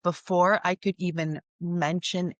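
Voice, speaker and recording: A woman speaking as a guest therapist on a talk show, reflective and halting, restarting her sentences as she works through her thoughts. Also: on the low side, fairly even intonation, dry recording. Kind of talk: casual chat.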